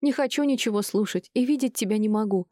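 A woman's voice: fairly quick, no echo, studio quality, lightly acted. Woman doing a sobbing, furious teenage girl. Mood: tearful. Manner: shrill, tearful shouting.

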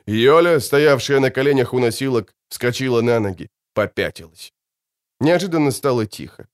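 A man narrating an audiobook in an expressive, animated way. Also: mid-range voice, moderate pace, clear, resonant tone, no room sound, studio quality.

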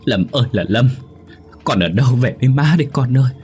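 A man's voice: low-pitched, expressive, moderate pace, soft background music. A man voicing a grieving mother who wails and pleads for her drowned son, in a spoken ghost story. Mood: wailing grief. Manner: sobbing, pleading cries.

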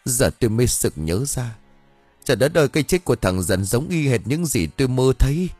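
A man plays a grieving mother in a ghost story, her cries shrill and panicked. The voice swoops up and down. Soft music plays underneath. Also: very animated, fairly quick, breathy edge, no room sound. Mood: fearful. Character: frantic grieving older mother, wailing.

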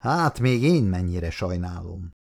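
A man's voice: low voice, expressive, vocal fry, darkish tone, voice pushed down. A man reading a devoted husband. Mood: loving. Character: devoted, attentive middle-aged husband.

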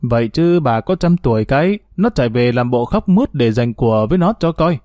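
Man doing a gruff scolding village uncle. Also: mid-range voice, animated, fairly quick, mellow, no room sound, studio quality, faint music behind, natural voice. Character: gruff middle-aged rural uncle, blunt and scolding.

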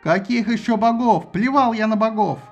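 A man voicing a furious, hot-headed male warrior who shouts in rage in an audiobook. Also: high-pitched, normal speed, gravelly, dull audio, soft background music, pitched above the performer's own voice. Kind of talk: audiobook character voice.

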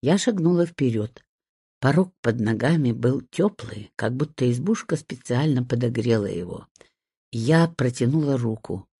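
A woman reading a first-person story aloud, in a soft, expressive way. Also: extremely low pitch, breathy edge, no echo, clean studio sound.

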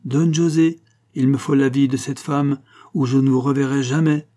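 A man's voice: medium pitch, little pitch movement, a little slow, dark tone, pitched above the performer's own voice, natural voice. A man voicing Banco, an imperious ruthless noblewoman. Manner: commanding, demanding.

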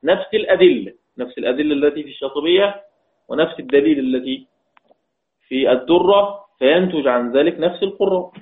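A man teaching a recorded lesson on Quran recitation. He repeats key lines and quizzes his students, and chants the quoted verses slowly. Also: on the high side, expressive. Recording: tinny phone-like audio.

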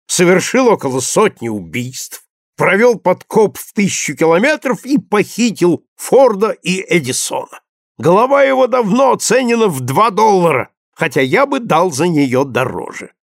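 A man's voice: sits high, very animated, moderate pace, no room sound, clean studio sound, pitched above the performer's own voice, exaggerated voice. A man reading the part of a witty young man who jokes and teases. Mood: teasing. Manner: joking, ironic.

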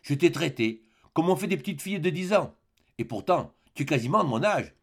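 A man's voice: a little high, expressive, a little fast, vocal fry, slightly rough, full character voice. A man voicing an earnest young peasant man who talks eagerly and insistently in an audiobook.

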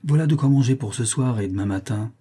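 A man reading the part of a secretive guide who gives a hiding family brisk, low-key instructions. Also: dark tone, slightly rough, lightly acted. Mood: reassuring.

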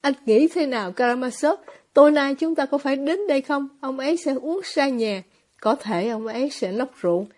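A woman reading the part of a gentle young man who speaks softly and reasons calmly. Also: sits high, normal speed, close to an everyday voice.

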